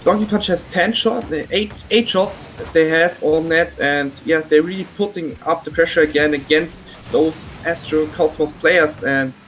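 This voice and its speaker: A man giving color commentary on a live esports match, analysing plays in a halting way. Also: on the high side, fairly bright tone, a little hiss or hum, low-quality recording. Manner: halting, analytical, many fillers and restarts.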